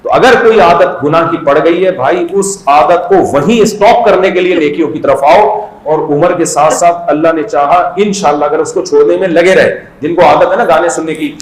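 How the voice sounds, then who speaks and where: A man's voice: fairly high pitch, hardly any pauses, roomy sound, poor audio. A man giving a conversational, humorous sermon as an Islamic scholar, telling stories and acting out voices. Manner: storytelling, jokes, brief acted voices in anecdotes.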